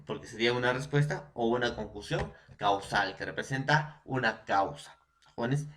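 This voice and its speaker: A male secondary school teacher with a Peruvian Spanish accent, giving a spoken grammar lesson. He repeats points often and keeps checking in with the class. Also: mid-range voice. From Peru. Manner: repetitive, checks with frequent "¿no?" and fillers.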